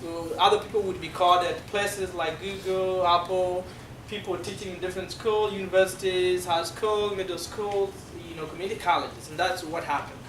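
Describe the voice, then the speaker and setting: A middle-aged man from South Sudan with a South Sudanese accent and Dinka as his first language, giving a halting, explanatory classroom presentation full of fillers. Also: sits high, steady tone, fairly bright tone. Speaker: guest speaker. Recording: echoey room from far off, noisy.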